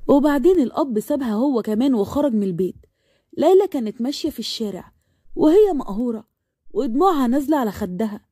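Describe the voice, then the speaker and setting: A woman's voice: high-pitched, quick pace, slightly rough, dry recording, clean studio sound. A woman with an Egyptian accent narrating a romantic story expressively. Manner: expressive narration with acted dialogue.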